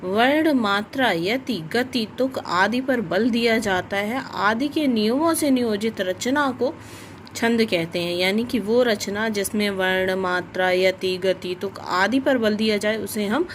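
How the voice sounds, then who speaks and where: A woman teaching a grammar lesson to children, explaining slowly and repeating each definition. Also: medium pitch, slight background noise.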